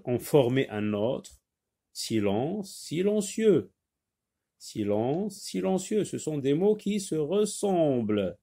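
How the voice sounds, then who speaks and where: A man teaching a reading lesson, slowly repeating each word and breaking it into syllables. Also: mid-range voice, creaky, mellow.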